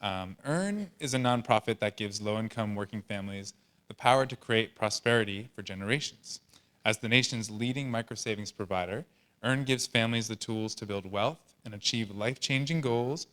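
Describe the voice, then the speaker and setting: A man's voice: fairly low pitch, normal speed, fairly bright tone. Upbeat man presenting on a panel. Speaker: nonprofit communications presenter.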